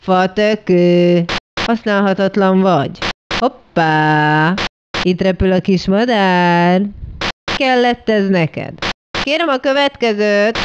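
A woman's voice: medium pitch, lightly acted. A woman voicing a game character, calling team orders and mocking taunts in a fan-made game dub. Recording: dull lo-fi recording with noise.

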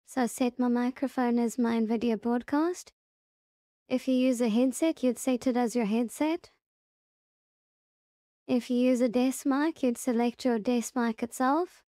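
This tutorial presenter is a woman whose fairly high voice is mellow and very soft-edged. Unhurried and fairly even in intonation, she explains the software casually and plainly, one step at a time, and the audio is dry and close with no room sound.

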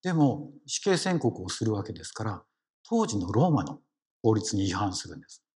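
A man's voice: lowish voice, very animated, moderate pace, a little mellow, slightly rough. A man with a Kansai accent giving a conversational sermon as a lay preacher, engaging the congregation with questions. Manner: engaging, asks the congregation questions, frequent "ne" tags.

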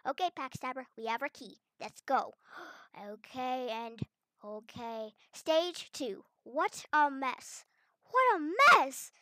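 A woman hosting a gameplay video, chatty and excitable, talking to herself as she explores. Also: high voice, slow pace, no room sound. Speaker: gaming video host. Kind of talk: playful gameplay commentary.

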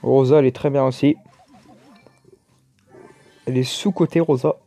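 A man's voice: mid-range voice, steady tone, normal speed, dark tone, dry recording, faint music behind. A man giving casual, chatty commentary over his own gameplay, exclaiming and muttering to himself as he plays. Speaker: gaming YouTuber.

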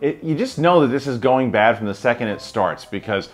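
A man's voice: mid-range voice, expressive, a little fast, soft background music. A man in his thirties co-hosting a movie review show, talking in a friendly, upbeat host manner from a studio. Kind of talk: casual movie review banter. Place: indoor studio with poster backdrop.

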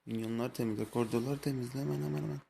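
A man's voice: medium pitch, steady tone, racing, mellow. Exasperated young man ranting over gameplay. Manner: exasperated ranting at teammates, swearing. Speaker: mobile game streamer. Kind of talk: live gameplay commentary. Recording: clear background noise.

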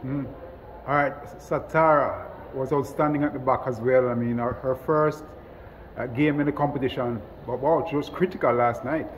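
A man's voice: medium pitch, steady tone, moderate pace, in a large hall, a little hiss or hum, poor audio. A man interviewing a football coach after a match, asking short, upbeat questions. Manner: brief, upbeat prompting questions. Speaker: sports show interviewer.

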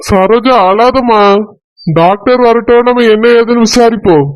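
A woman voicing a calm, caring village man with a Tirunelveli Tamil accent in a cartoon. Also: fairly high pitch, moderate pace, highs cut off, close to an everyday voice. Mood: soothing. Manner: calm, soothing reassurance. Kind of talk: cartoon voice acting.

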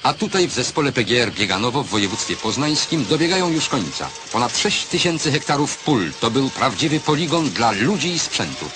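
A man's voice: mid-range voice, big pitch swings, fairly quick, hardly any pauses. A man giving formal, declamatory commentary in the manner of an old newsreel narration. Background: background music.

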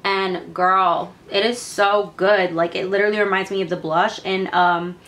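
A woman's voice: medium pitch, fairly even intonation, normal speed, fairly bright tone. Young woman doing a beauty vlog, super chatty and gushy, lots of like and girl. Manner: chatty, filler-heavy, says "girl" and "like" a lot; enthusiastic, gushing about products. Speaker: beauty vlogger. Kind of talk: casual monthly favorites vlog.

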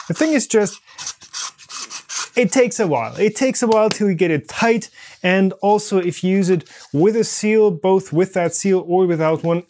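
In a home studio workshop, a man in his thirties demonstrates a product hands-on, explaining it informally in a casual instructional walkthrough. His voice is fairly high with a darkish tone, and the lapel mic picks up a little hiss or hum.

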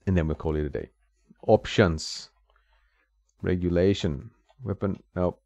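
The voice is low, mellow and a little slow, with vocal fry and no echo. It belongs to a gaming channel host casually commenting on an old fighting game he's playing at home, chatting and laughing at the screen against game music in a slightly dull, dry recording.

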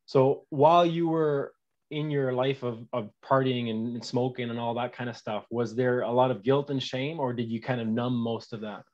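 A man's voice: mid-range voice, fairly even intonation, moderate pace. Podcast host man, slightly muffled audio. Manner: gentle follow-up questions. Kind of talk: conversational interview.

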